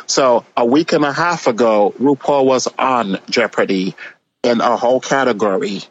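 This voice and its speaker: A man's voice: medium pitch, normal speed, dull audio. A man with a Jamaican accent in casual, opinionated discussion, speaking assertively and repeating phrases for emphasis.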